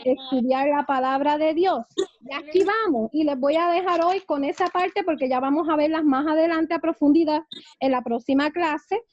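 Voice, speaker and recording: A woman's voice: high-pitched, moderate pace, lo-fi sound. A woman pastor teaching a church seminary class in a fervent preaching manner, often saying amen. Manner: fervent preaching, frequent amens.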